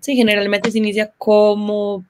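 A woman's voice: medium pitch, level tone, normal speed, a little mellow. A woman, co-hosting a lesson with brief agreeing remarks. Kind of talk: backchanneling in a lesson.

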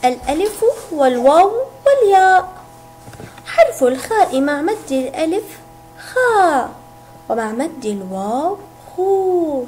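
A woman teacher giving a recorded reading lesson to young children, sounding out syllables slowly and stretching each word. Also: extremely high pitch, a little mellow. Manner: slow, drawn-out syllables, sounding words out. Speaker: kindergarten teacher.

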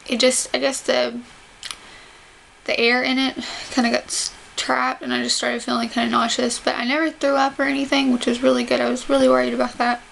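High-pitched, even-toned young woman, slightly tight-jawed. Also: gravelly. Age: young adult. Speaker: vlogger describing surgery recovery. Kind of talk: casual talk to camera. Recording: noisy home camera audio.

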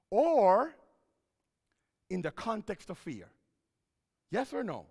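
Animated man preaching in a church. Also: sits high, vocal fry, big-room sound. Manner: animated, repeats phrases, wide hand gestures while pacing. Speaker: pastor and counselor giving a seminar. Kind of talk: seminar talk in church. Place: church sanctuary stage.

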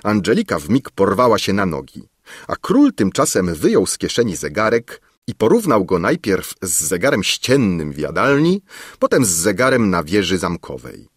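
A man's voice: low voice, normal speed, breathy edge, dry recording, clean studio sound. A man narrating a classic children's fairy tale as an audiobook, telling it expressively. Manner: expressive storytelling. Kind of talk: scripted narration.

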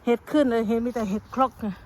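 A woman's voice: a little high, racing, darkish tone, slight background noise. A woman from the northeast, speaking, chatting casually to her viewers as she walks a woodland path filming on her phone. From Thailand. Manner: chatty, keeps addressing viewers as friends while pointing things out. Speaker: vlogger. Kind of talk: casual walking vlog.

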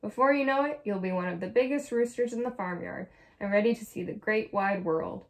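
A woman voicing a gentle, patient mother hen in a read-aloud storybook, speaking softly and calmly. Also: medium pitch, fairly quick, vocal fry, natural voice. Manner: soft, calm and reassuring.

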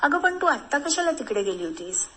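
A woman's voice: sits high, very animated, fairly quick, sharp tone, slight background noise, voice pushed up, heavily acted, low-quality recording. Woman doing a reassuring young army husband.

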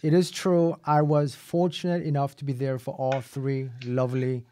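A man's voice: mid-range voice, little pitch movement, normal speed, dark tone. A man in his fifties hosting a casual interview podcast, chatty and self-mocking, laughing often, on a studio mic at home. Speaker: podcast host. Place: home studio with shelves and posters. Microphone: boom studio mic.

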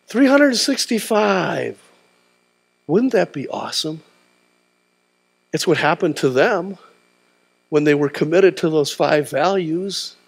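This middle-aged preacher speaks slowly in a slightly high, animated voice that's creaky with a breathy edge, leaving long pauses. As he paces a large church auditorium's stage, he engages the crowd call-and-response style, asking things like "huh?"

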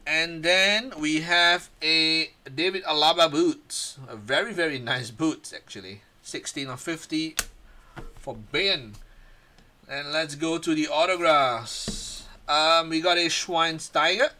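A man hosting a card break, casually reading out player names one by one, his voice a bit hoarse. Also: on the high side, fairly even intonation, slow pace, sharp tone, a little hiss or hum.

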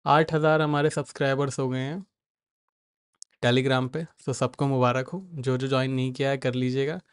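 A market analyst with an Indian accent hosts a live market stream, answering viewers by name in a blend of Hindi and English. His voice is mid-pitched, steady, clear and resonant at a normal speed, recorded dry with clean studio sound.

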